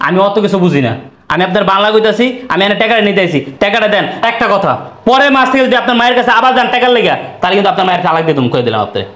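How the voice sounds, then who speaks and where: A high-voiced, rapid-fire bully of a husband, played by a man, hectoring his in-laws. His tone is bright and hard-edged. The scene sits in an echoey room. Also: expressive. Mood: angry bullying. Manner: hectoring, shouting threats. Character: greedy bullying young husband, threatening. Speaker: son-in-law demanding money. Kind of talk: amateur short-film acting.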